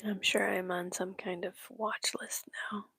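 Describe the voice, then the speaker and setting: Slow, breathy whispering woman. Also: medium pitch, little pitch movement, pushed and bright, no room sound. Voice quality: whispering throughout. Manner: rambling, giggly, self-mocking. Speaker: channel host answering viewer questions. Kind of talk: whispered casual Q&A chat.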